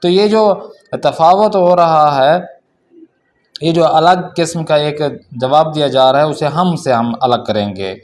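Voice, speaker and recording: A man teaching a language class, explaining a workbook and reading example sentences slowly and carefully. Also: a little high.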